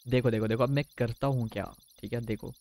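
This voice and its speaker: A man's voice: medium pitch, fairly even intonation, fast, darkish tone. A man with a Pakistani Urdu accent chatting casually through live gameplay commentary, mixing in English phrases. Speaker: game streamer.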